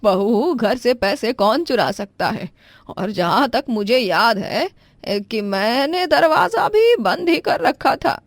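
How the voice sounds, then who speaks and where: A woman voicing a stern, suspicious middle-aged mother-in-law who questions and scolds slowly. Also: on the high side, animated, dry recording, voice pushed up.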